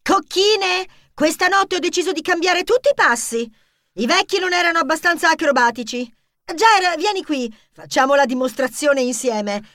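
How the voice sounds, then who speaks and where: A woman voicing a bossy, energetic female mouse dance teacher in a storybook, talking fast and pushy. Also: very high voice, dry recording, clean studio sound. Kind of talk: audiobook character voice.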